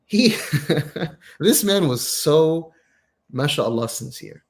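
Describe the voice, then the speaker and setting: A man co-hosting a casual religious chat, telling stories in an animated way and repeating phrases for emphasis. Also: a little high, slow. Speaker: co-host, Islamic teacher.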